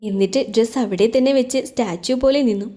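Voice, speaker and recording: Story narrator, woman, mellow warm tone, slightly high voice, even steady read. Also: quick pace.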